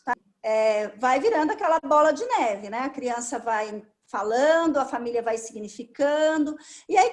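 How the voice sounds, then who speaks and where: A Brazilian woman with a Brazilian Portuguese accent, a speech therapist guest explaining things patiently, step by step, in an interview. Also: high-pitched.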